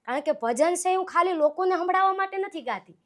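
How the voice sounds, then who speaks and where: A woman, talking as a guest singer in a relaxed interview. Her voice sits high, and her manner is sincere and heartfelt as she tells her stories. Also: fast talker. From Gujarat, Saurashtra. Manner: earnest, heartfelt, storytelling. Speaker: guest, devotional folk singer. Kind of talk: casual interview conversation.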